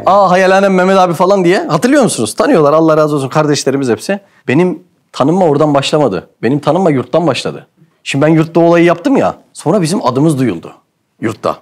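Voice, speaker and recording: A man from Mersin, Turkey hosting and telling a comic anecdote in a lively way, acting out quoted voices. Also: high-pitched. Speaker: host and storyteller. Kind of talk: animated comic anecdote storytelling.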